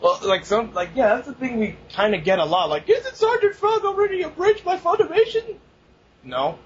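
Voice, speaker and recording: This young man co-hosting a casual podcast rambles, swears and laughs often in an extremely high, husky voice. He's very animated and speaks at a moderate pace. The sound is dull and lo-fi, with faint noise.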